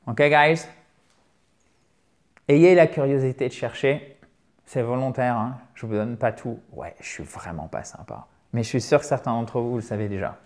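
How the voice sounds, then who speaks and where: A man's voice: mid-range voice, steady tone, moderate pace, pauses often, a little mellow. A man teaching English pronunciation in an online lesson, playfully stretching vowel sounds to demonstrate them and often checking in with his listeners.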